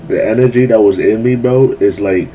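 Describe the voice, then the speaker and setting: A man's voice: fairly low pitch, normal speed, dark tone, a little hiss or hum, low-quality recording. A young man chatting casually as a YouTuber reacting to a game, tired and late at night, slangy and repeating himself as he trips over his words.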